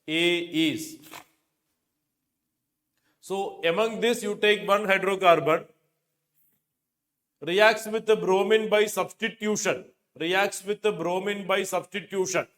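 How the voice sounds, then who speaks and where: Slow, with long pauses, a high and fairly bright male voice guides an exam coaching class. The speaker is a middle-aged chemistry teacher with an Indian accent who works through questions and repeats key phrases for emphasis. He uses a lapel microphone in an indoor studio with a digital board.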